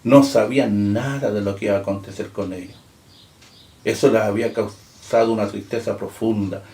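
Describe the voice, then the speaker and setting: A man preaching a sermon as pastor. He reads scripture aloud with emphasis, slowing down and lifting his voice on key words. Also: lowish voice, fairly even intonation, darkish tone. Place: church. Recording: echoey room.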